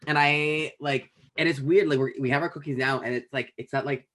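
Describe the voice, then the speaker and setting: A Canadian man co-hosts a podcast, his mid-range voice steady in tone, brisk, and a bit bright. The casual chat rambles and jokes along, with frequent restarts.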